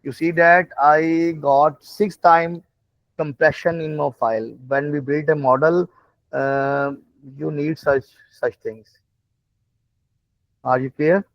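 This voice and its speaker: Gravelly non-native English-speaking man teaching, slightly high-pitched. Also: fairly even intonation, dry recording. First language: not English. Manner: halting, repetitive explaining with frequent check-in questions. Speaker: instructor of an AI training class. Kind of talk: live online lesson, explaining while demonstrating on screen. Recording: dull, lo-fi online call audio.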